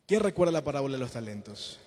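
A man preaching an informal sermon to a youth group, lively and acting out the voices of the people he quotes. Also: medium pitch, quick pace, long reverb tail. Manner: animated, acts out quoted voices.

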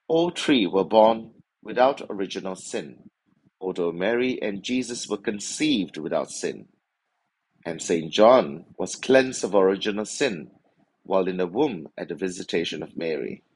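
Low-voiced priest reading solemnly. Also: male voice, animated, slightly rough, low-quality recording. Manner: measured, formal, solemn delivery. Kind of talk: liturgical Gospel reading and homily.

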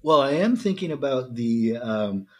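A man's voice: mid-range voice, expressive, unhurried. A man speaking as a podcast guest, explaining his ideas thoughtfully, with frequent ums and easy laughs. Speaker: guest, sport psychologist. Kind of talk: casual chat, explaining.

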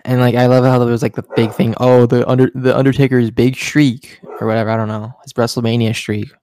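A man's voice: medium pitch, flat delivery, a little fast, dark tone, clear, resonant tone, dry recording, studio quality. A man hosting a casual podcast chat, rambling and hedging with many fillers. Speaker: podcast host.

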